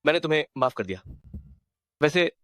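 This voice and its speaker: A protective young male CEO in a Hindi drama dub. He talks fast in a slightly high voice. The recording is dry and close. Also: expressive, no room sound. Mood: worried. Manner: sharp with enemies, soft and worried with her. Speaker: protective boyfriend, company boss.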